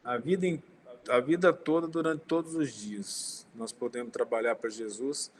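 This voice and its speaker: A man's voice: medium pitch, moderate pace, a little hiss or hum. A man giving an informal spiritist talk, telling personal stories, speaking directly to his listeners and acting out quoted dialogue. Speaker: spiritist lecturer.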